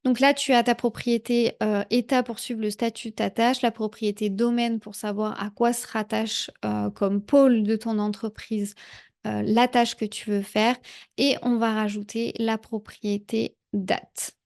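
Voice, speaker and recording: Woman walking you through a tutorial, chatty, lots of "heu", a bit of fry in the voice. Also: on the high side, little pitch movement, measured pace, a little mellow. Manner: chatty, many "heu" fillers, speaks directly to viewer. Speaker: productivity tutorial creator. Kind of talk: casual screen-share tutorial.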